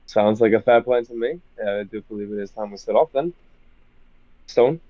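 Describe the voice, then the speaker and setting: A man's voice: lowish voice, moderate pace, mellow, no room sound. Man, group voice chat on a phone, muffled lo-fi sound, stiff formal officer roleplay. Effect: heard through group voice chat on a phone. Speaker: tabletop game player. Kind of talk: in-character roleplay and casual chat. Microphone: phone microphone. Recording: dull lo-fi voice chat audio, dry.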